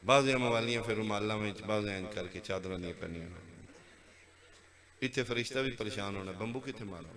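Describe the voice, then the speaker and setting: A man with a Punjabi accent preaching an impassioned sermon at a religious gathering, acting out dialogues and rising to loud exclamations. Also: on the low side, fast. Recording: live gathering with crowd heard. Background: crowd.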